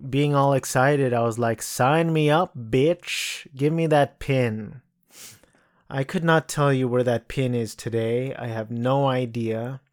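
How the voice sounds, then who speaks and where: A man speaks slowly and unhurriedly in a casual solo podcast, his sentences rambling and restarting with lots of filler. His voice sits at an ordinary middle pitch. The sound is dry and close, from a room at home. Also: a little mellow, no room sound. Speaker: podcast host. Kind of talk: casual solo movie talk.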